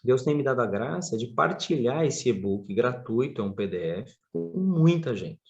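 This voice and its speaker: A man from Brazil, a podcast guest and surf instructor telling stories in a casual interview, his pitch jumping up expressively. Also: lively intonation, normal speed, vocal fry, darkish tone, lo-fi sound, soft background music.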